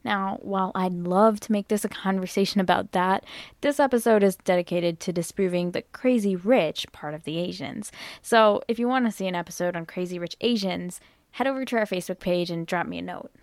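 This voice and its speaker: A woman's voice: fairly low pitch, a little fast, dry recording. Earnest woman hosting an explainer. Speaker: host. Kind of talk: scripted explainer narration. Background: faint background music.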